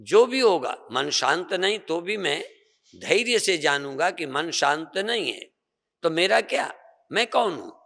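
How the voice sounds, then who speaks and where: An older Indian man, a spiritual teacher, slowly guiding a group through meditation and breathing with soft repeated coaching. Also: fairly high pitch, very animated, gravelly. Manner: slow, repetitive soft coaching with pauses. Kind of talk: guided meditation and breathing instruction. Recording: long reverb of a hall.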